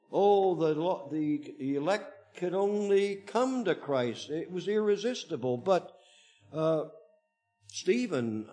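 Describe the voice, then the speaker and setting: A man preaching a Bible teaching to his congregation, speaking in halting phrases with frequent restarts and pauses. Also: fairly high pitch, a little mellow. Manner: slow, halting delivery with many restarts. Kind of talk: sermon-style Bible teaching.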